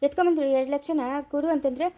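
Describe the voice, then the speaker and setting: A woman's voice: high-pitched, fairly even intonation, rapid-fire, dark tone, natural voice. A woman voicing an irritated young man in a cartoon, dismissive and fed up. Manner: annoyed, dismissive. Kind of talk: cartoon voice acting.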